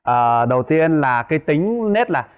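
A young man, a guest talking in halting casual chat and repeating his words. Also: on the high side, very animated, highs cut off.

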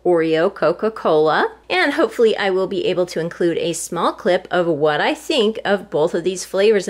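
Older grandmother vlogger, warm-natured chat about groceries and deals, relaxed home recording. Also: mid-range voice. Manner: chatty, homey, detailed about prices. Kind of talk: casual grocery haul narration. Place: home, at a table.

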